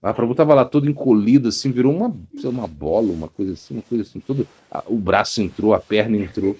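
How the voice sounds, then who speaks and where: A man with a Brazilian Portuguese accent, a monk giving a storytelling religious talk, animated and acting out voices from the story with many fillers. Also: fairly low pitch, fast, breathy edge, muffled recording. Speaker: monk and spiritual teacher.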